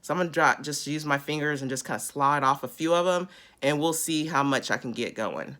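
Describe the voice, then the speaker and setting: A beauty vlogger in her thirties, raspy after an illness, casually demonstrates a beauty routine close to her phone camera in a small indoor room. Her voice is low-pitched and a bit bright, and she talks a little fast in this how-to demo.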